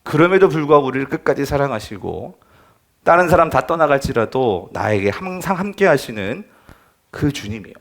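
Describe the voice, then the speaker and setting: A man's voice: mid-range voice, expressive, normal speed, creaky. A male pastor preaching a sermon in church, emphatic and often asking the congregation questions.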